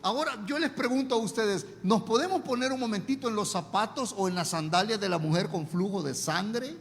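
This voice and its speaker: Preacher man, high voice, echoing hall. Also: slight background noise. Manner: storytelling, emphatic with dramatic pauses. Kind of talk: sermon.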